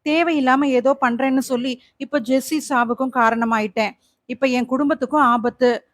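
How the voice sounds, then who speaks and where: Woman reading as a desperate young man, tearful, pleading, high voice, dry close sound. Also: fairly even intonation, normal speed, fairly bright tone, no echo. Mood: distraught. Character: frightened young man, desperate and guilt-ridden.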